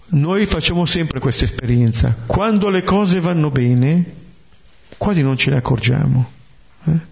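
A man's voice: a little high, vocal fry. Reflective Italian-speaking man giving a homily. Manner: slow, reflective, with rhetorical "eh?" tags. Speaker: preacher. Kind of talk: homily on scripture. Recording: dull lo-fi recording.

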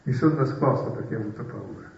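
A man's voice: mid-range voice, fast, creaky, darkish tone. A man preaching and commenting on scripture, with rhetorical questions and wry humour. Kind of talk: spoken Bible commentary. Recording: roomy, distant and dull.

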